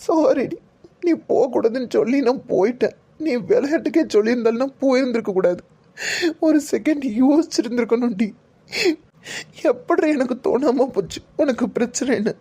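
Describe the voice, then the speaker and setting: A woman's voice: a little high, expressive, normal speed, warm tone, breathy edge. A woman voicing a frantic, heartbroken young husband who pleads emotionally for his missing wife. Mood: pleading.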